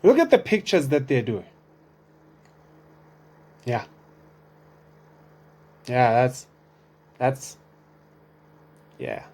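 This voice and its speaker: A young man riffs on online content in a loose commentary, with a voice sitting at an ordinary middle pitch. He talks in an expressive, chatty way, throwing out rhetorical questions and starting his sentences over as he goes. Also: extremely slow, pauses often. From South Africa. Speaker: vlogger reacting to online content. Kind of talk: casual commentary.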